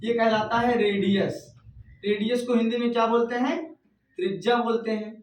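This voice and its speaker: A man's voice: very high voice, flat delivery, normal speed, a little hiss or hum. A male teacher giving a math lesson at a whiteboard. He keeps repeating each term as a question and then answers it himself. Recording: echoey room, voice from far off.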